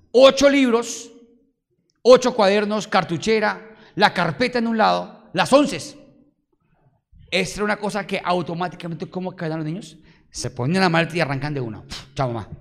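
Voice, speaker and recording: A male preacher delivers a lively sermon in a fairly high voice. He swings from loud exclamations down to quiet murmurs. He keeps putting rhetorical questions to his congregation. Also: moderate pace, gravelly, pauses often.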